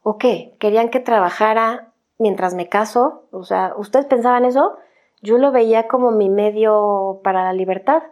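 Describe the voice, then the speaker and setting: Telling her personal story openly and conversationally, this Mexican-accented woman keeps dropping in little tags like "o sea" and "¿no?". She has a medium-pitched, slightly mellow voice at normal speed, captured in a muffled recording.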